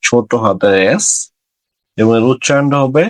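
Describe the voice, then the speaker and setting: A man with a Bengali accent teaching English pronunciation, saying each example word slowly and repeating it. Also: mid-range voice. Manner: slow, drawn-out repetition of each word. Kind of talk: pronunciation lesson.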